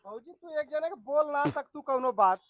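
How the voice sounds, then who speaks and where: A woman's voice: sits high, lively intonation, moderate pace. A woman playing a younger, reproachful and bossy village in-law in a comedy sketch, with an eastern Uttar Pradesh Awadhi accent. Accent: eastern Uttar Pradesh, Awadhi-Bhojpuri. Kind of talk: rural comedy sketch acting. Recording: dull lo-fi video sound.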